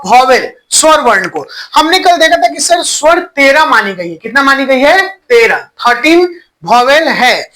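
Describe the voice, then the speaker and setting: A man's voice: very high voice, big pitch swings, unhurried, pushed and bright, low-quality recording. A man teaching a Hindi grammar class online. He asks the students questions, answers them himself, repeats key points and mixes in English words. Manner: stretches vowels while demonstrating sounds.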